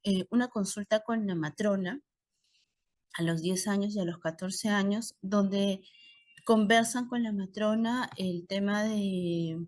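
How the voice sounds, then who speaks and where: A woman's voice: medium pitch, a little slow, darkish tone. A middle-aged woman with a Peruvian Spanish accent, an obstetrician lecturing in an online course and telling clinical anecdotes with frequent tag questions.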